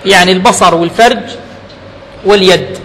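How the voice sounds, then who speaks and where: A man's voice: high voice, brisk, a bit bright. Male preacher, emphatic sermon delivery, long hall reverb with faint noise underneath. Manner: emphatic, mixes formal oratory with colloquial asides. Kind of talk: Friday sermon. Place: mosque.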